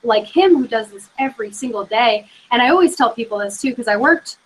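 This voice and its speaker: A woman co-hosting a podcast, chatting casually and fast, with lots of "like" and "you know". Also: on the high side, lively intonation, a little hiss or hum, low-quality recording. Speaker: podcast co-host. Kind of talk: casual chat.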